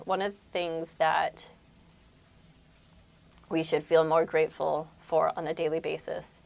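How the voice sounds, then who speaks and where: Here a young woman who vlogs about cleaning talks through her housework in a low, gravelly voice. She's a little congested, wanders from topic to topic in a relaxed way, jokes at her own expense, and laughs a lot.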